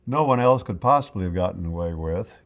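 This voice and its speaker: Animated, mid-pitched man. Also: fairly quick. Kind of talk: reflective interview talk.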